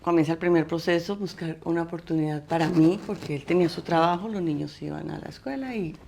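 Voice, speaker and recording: Low, gravelly-voiced Colombian-born woman. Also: a little mellow, slight background noise. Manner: halting, many restarts and fillers. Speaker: guest artist. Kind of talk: interview conversation.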